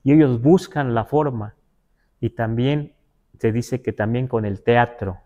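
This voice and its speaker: Man teaching nahuatl online, talks real slow, stops to check "right?" with people. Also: mid-range voice, dark tone, highs cut off. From Huasteca, Mexico. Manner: slow, explanatory, reads aloud and glosses word by word; checks in with listeners, asking "¿verdad?". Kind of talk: livestreamed language class.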